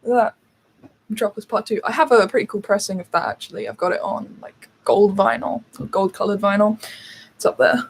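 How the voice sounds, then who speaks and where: A woman's voice: medium pitch, expressive, a little fast, gravelly, slight background noise, poor audio. A young British woman hosting a casual livestream, chatting and answering viewers' questions with lots of fillers. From United Kingdom. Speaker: channel host.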